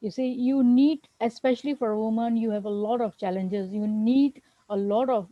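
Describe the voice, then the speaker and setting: A woman's voice: on the high side, dry recording, highs cut off. A middle-aged woman from Singapore answering interview questions earnestly over a video call, with fillers and restarts. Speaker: guest, accountant. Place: at home, remote.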